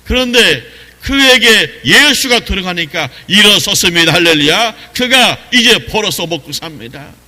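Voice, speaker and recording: Korean pastor preaching in a reverberant sanctuary. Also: male voice, animated, moderate pace, hardly any pauses. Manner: preaching with rhetorical questions and repetition, swings from low and quiet to raised. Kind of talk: sermon. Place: church sanctuary.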